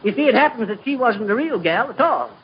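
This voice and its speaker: A man's voice: extremely high pitch, animated, fairly quick, highs cut off. An actor playing a boastful middle-aged man who rambles through tall tales in a folksy way, with slips of the tongue, in 1930s radio comedy style. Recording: scratchy noisy 1930s radio broadcast.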